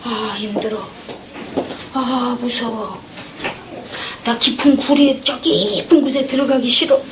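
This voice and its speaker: A woman's voice: a little high, fairly even intonation, a little slow, pitched below the performer's own voice, natural voice. A woman acting out a terrified, despairing miner father. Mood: fearful, despairing. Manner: moaning, despairing monologue. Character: frightened weary miner father, middle-aged man. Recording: echoey hall from far off with noise.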